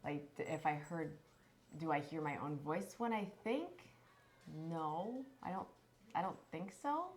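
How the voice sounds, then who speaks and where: A woman's voice: sits low, lively intonation, unhurried, slight background noise. A woman co-hosting a casual chat, hesitant and searching for words, often repeating herself. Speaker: co-host.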